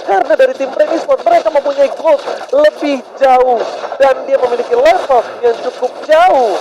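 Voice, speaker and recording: Male Indonesian esports commentator, fighting game announcer energy, very high, quick and urgent, over clear noise. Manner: urgent, repeats phrases for emphasis. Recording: clearly noisy game broadcast.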